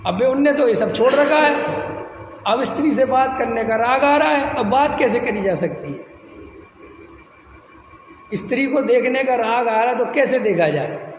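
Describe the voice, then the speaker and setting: A man giving a spiritual discourse, mocking and teasing with rhetorical questions and quick imitations. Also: extremely high pitch, expressive. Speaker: Jain spiritual teacher. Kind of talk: discourse lecture. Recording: echoey hall, faint noise.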